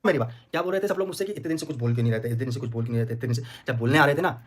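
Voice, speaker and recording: A man's voice: medium pitch, very fast. A man arguing heatedly on a livestream, repeating himself, pleading and threatening in turns. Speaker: vlogger on a livestream.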